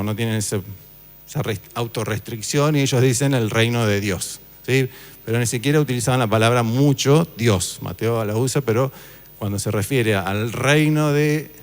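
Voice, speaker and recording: A man giving an informal Bible class, talking casually and quizzing his listeners. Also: medium pitch. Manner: conversational, asks the audience questions. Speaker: church teacher. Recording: reverberant hall.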